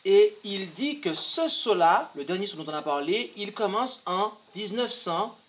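Interpreter at a sermon, mid pitch, reads quotes out, trips on words now and then. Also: animated, a little slow. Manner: reads quoted passages aloud, restarts words.

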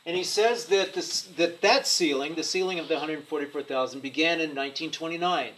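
A man preaching a sermon in short phrases, pausing so an interpreter can translate each line. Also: a little high, a bit bright, slight background noise, poor audio.

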